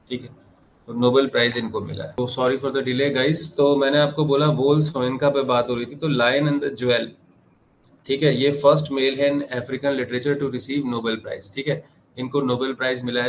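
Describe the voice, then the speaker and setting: Male exam lecturer, medium pitch, reading questions slowly. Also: little pitch movement, a little hiss or hum, poor audio. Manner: explains in Hindi, reads questions slowly in English. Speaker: teacher.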